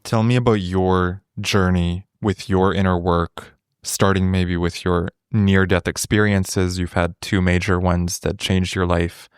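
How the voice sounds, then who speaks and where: A man hosting a podcast interview, asking brief, quick questions. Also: sits low, little pitch movement, clear, resonant tone, dry recording, studio quality. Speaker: podcast host.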